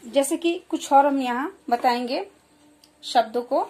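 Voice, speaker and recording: A woman giving a slow, clear children's lesson, explaining and repeating example words. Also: high-pitched, warm tone. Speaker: primary school teacher.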